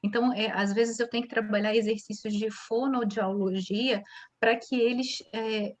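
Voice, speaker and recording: A woman's voice: on the high side, fairly even intonation, moderate pace. A woman from Brazil, an English teacher, answering interview questions in a chatty way, explaining with examples.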